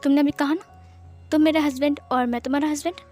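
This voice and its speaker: A woman's voice: sits high, fairly even intonation, a little fast, a little mellow, faint music behind, natural voice. A woman voicing a teasing, possessive young husband in a storybook fan-fiction reading, bossy one moment and doting the next. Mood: playful.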